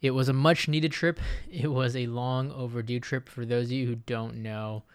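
A man's voice: mid-range voice, steady tone, moderate pace, smooth, no echo. A man in his late twenties from Japan, hosting a casual solo podcast and rambling with lots of fillers and restarts. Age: late 20s. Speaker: podcast host.

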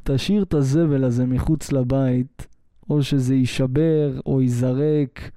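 A man's voice: mid-range voice, fairly even intonation, dark tone, dry recording, voice pushed down, close to an everyday voice. A man voicing a stern old-school father who threatens to throw out his son's junk, in a menacing, commanding way. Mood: threatening.

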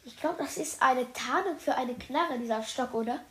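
A woman's voice: high-pitched, moderate pace. Chatty woman reading aloud, roomy sound. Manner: chatty, addresses viewers as "Leute", youthful slang. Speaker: streamer reading a book aloud. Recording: roomy echo.

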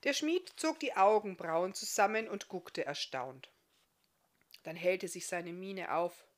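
A woman, an author, reading her own fairy tale aloud in a calm, even storytelling manner. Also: on the low side, slow pace.

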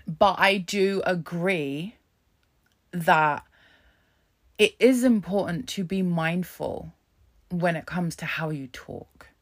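A woman's voice: lowish voice, slow pace, long pauses. A woman hosting a casual solo podcast, talking frankly and swearing a lot as she rambles. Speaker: podcast host.

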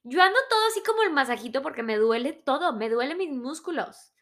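A woman around thirty with a Mexican Spanish accent, telling stories in a casual, animated, self-mocking monologue. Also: sits high, fairly quick. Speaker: vlogger.

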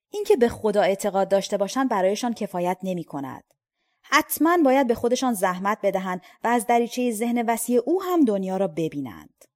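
A woman's voice: medium pitch, no room sound. A woman reading a novel aloud in first person, with a dry, sardonic storytelling manner into a close mic. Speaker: audiobook reader.

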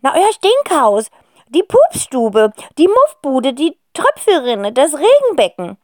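A loud, high-pitched eccentric countess, haughty and frantic by turns, her voice leaping around, played by a woman reading a storybook. The sound is close and dry. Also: huge pitch swings, slow pace, no echo, heavily acted. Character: flamboyant eccentric aunt, pompous countess.

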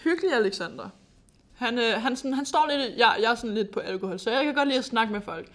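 En ung kvinde, der fortæller livligt i en afslappet podcastsnak og ofte griner. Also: female voice, on the high side. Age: young adult. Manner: lively storyteller, laughs often. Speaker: podcast co-host. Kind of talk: casual chat.

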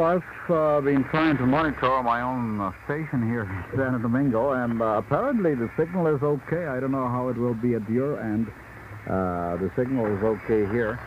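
A male radio announcer heard over a fading shortwave broadcast, talking informally on air in a halting way with many pauses and fillers. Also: fairly low pitch. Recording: muffled shortwave radio with static.

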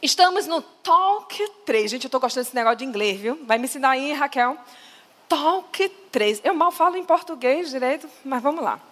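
A woman preaching to women in a lively, emphatic way, often asking the audience questions. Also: high voice, normal speed, big-room sound. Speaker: speaker at a women's faith conference.

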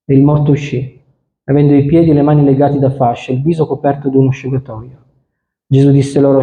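Solemn preacher in an echoey church. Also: male voice, mid-range voice, mellow, lo-fi sound. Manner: slow, solemn reading that turns into emphatic preaching. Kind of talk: sermon with Bible reading. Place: church hall.

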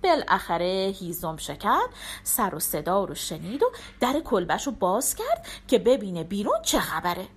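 Animated woman telling a folk tale. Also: medium pitch, breathy edge. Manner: expressive, animated. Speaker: storyteller. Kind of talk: storybook narration.

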